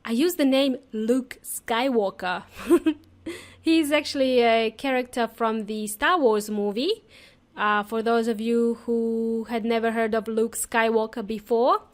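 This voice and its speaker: This podcast host's voice is on the high side and her pace measured. Teaching English to learners, she stays friendly and informal, using simple explanations and repetition while addressing listeners directly.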